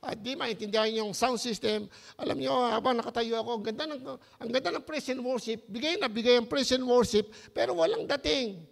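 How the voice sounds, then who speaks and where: Filipino male pastor, very high and gravelly voice, preaching in a reverberant hall, punctuates his sermon with calls to the room. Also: brisk.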